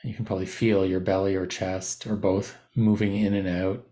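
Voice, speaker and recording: A male teacher guides listeners through a body scan, his instructions soft and unhurried with mid-phrase pauses. He has a low voice and a flat delivery.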